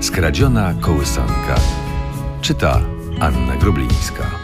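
A man reading the opening credits of an audiobook in a slow, formal announcer style. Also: rumbling low, sing-song, over loud music. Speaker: radio announcer.

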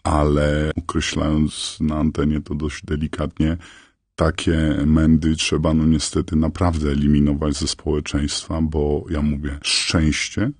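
A man whose voice is altered to disguise him for anonymity. He speaks haltingly and earnestly as a parent guest in a radio interview. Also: completely flat delivery, a little mellow, no room sound. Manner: halting, earnest, searching for words. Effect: voice electronically altered and lowered to stay anonymous.

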